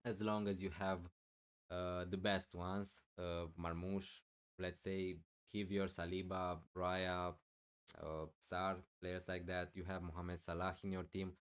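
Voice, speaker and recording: Answering chat on a live stream, this fantasy football streamer speaks in a low, loud voice, thinking aloud with many fillers. His tone is level and clean, his pace a little slow. His voice is giving out, and he clears his throat.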